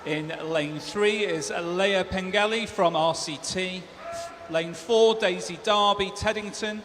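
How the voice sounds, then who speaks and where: High-pitched male sports announcer in echoing hall. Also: slow pace, a bit bright. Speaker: swim meet announcer and commentator. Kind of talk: formal race announcing, listing lanes, names and results. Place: large indoor swimming pool hall. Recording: echoey hall PA, clear background noise.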